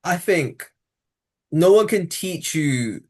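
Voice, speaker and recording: Animated man from Sri Lanka chatting. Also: on the high side. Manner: animated, swears freely, quick jokey asides. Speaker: comedian guest. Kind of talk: casual podcast chat.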